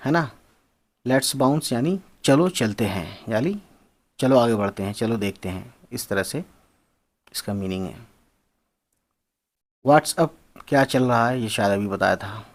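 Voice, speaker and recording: A man teaching English slang words, spelling them out and repeating them in a casual explanatory lesson. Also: medium pitch. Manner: spells words out and repeats phrases, addresses viewers as friends.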